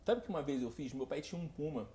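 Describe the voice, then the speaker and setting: A man from hosting a casual podcast interview, telling stories in an animated way and acting out the scenes. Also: fast talker, roomy sound. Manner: animated storyteller, acts out scenes with big pitch jumps. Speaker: podcast host.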